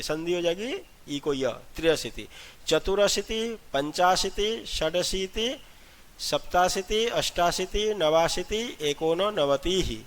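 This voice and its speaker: Higher-voiced man teaching a grammar lesson. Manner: explains in Hindi, recites long lists of number words; addresses students as children. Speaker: Sanskrit teacher. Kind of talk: classroom-style grammar lesson.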